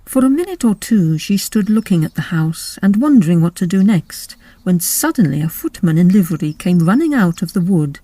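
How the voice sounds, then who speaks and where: Mellow, dry-sounding woman narrating a story. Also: on the low side, big pitch swings, moderate pace, few pauses, no echo. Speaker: story reader. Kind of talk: scripted audiobook narration.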